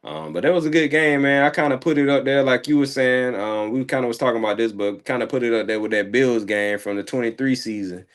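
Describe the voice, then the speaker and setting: A man co-hosting a sports show, casually recapping a football game in a rambling, slangy way, his throat slightly hoarse. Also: medium pitch, quick pace, few pauses. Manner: rambling, slangy, repeats words and fillers.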